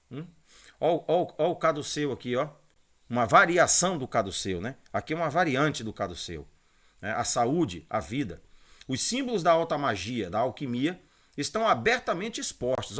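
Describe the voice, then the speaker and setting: Man lecturing, pointing at slides. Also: mid-range voice. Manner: didactic, pointing at slides, frequent "né?" and "ó". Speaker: course teacher. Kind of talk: online esoteric lecture.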